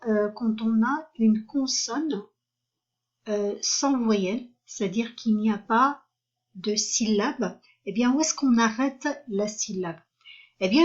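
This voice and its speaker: A woman giving an online French lesson, spelling out syllables slowly and carefully, with frequent hesitations. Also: a little high, highs cut off. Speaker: French teacher.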